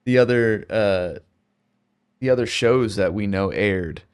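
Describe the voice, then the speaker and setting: A man's voice: lowish voice, clear, resonant tone, dry recording, studio quality. A man co-hosting a podcast, chatting casually and searching for his words. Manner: halting, searches for words with fillers. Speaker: podcast co-host. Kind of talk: casual chat.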